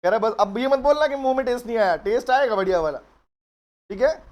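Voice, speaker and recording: A man's voice: extremely high pitch, expressive, fast. A man teaching company law in a live online class, chatty and teasing with his students.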